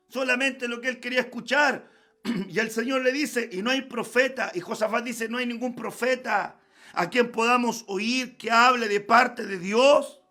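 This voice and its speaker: A Chilean man preaching a passionate sermon in a high, gravelly voice with a bright, forceful edge. He swings from shouting to near-hushed tones. Soft instrumental music plays faintly behind him. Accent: Chilean Spanish. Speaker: pastor.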